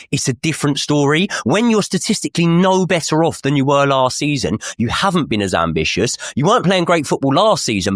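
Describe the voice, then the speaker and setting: A man's voice: mid-range voice, no room sound, studio quality. A man speaking as a panellist in a casual football chat.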